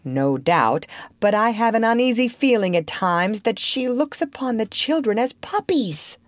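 A woman's voice: on the high side, big pitch swings, unhurried, no echo, studio quality, pitched above the performer's own voice. Woman acting a blustering, theatrical father in a temper. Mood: uneasy, grumbling. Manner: pompous, sarcastic, melodramatic. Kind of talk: audiobook character voice.

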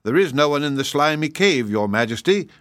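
A man's voice: a little high, lively intonation, a little fast, fairly bright tone, no echo, clean studio sound, voice pushed up. A man voicing a dutiful male gnome executioner who reports bluntly and matter-of-factly. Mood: deadpan. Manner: blunt, positive.

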